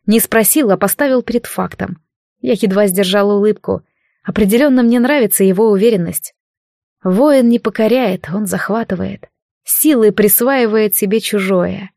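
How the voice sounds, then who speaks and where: A woman reading a first-person fantasy audiobook in a calm, even storytelling manner. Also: medium pitch, moderate pace, creaky, no room sound, clean studio sound. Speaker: audiobook narrator.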